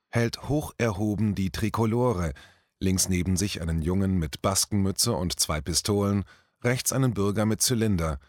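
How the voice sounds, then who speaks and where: A man reading a scripted commentary aloud in a measured, deliberate manner. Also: fairly low pitch, dry recording, clean studio sound. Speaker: commentary reader.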